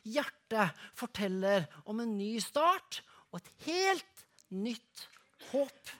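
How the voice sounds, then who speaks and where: Slow, dramatic woman preacher. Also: on the high side, very animated. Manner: slow, dramatic storytelling, dropping to a soft hush. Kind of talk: dramatic Easter sermon storytelling, then prayer.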